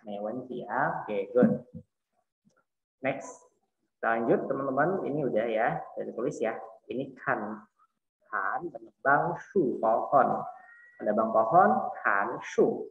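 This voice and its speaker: A man with an Indonesian accent teaching a Mandarin class online, explaining patiently and repeating words slowly. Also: mid-range voice. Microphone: video call. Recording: echoey tinny online call audio.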